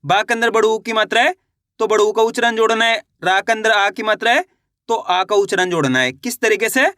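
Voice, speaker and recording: A man teaching beginners to read, sounding out each letter slowly and encouraging his viewers, checking often whether they follow. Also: sits high, pushed and bright, no room sound, clean studio sound. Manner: encouraging, addresses viewers as friends. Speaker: reading teacher. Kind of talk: beginner reading lesson.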